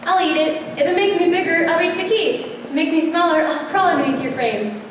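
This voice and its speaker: Curious storybook girl , female actor, outspoken stage delivery; reverberant hall with clear noise. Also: very high voice, fairly quick. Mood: wry, pondering. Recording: very echoey hall, distant mic, noisy.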